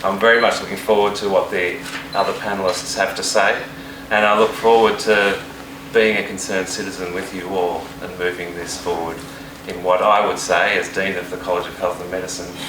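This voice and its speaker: A man, a university dean, giving an earnest, measured speech at a launch event in a hall. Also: deep voice, flat delivery. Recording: distant and echoey with room hum.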